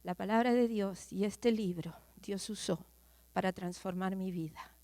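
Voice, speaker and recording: A woman preaching a sermon, questioning her listeners directly and swinging from loud outbursts to hushed, near-whispered lines. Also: medium pitch, a little slow, no room sound. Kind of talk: sermon to a congregation.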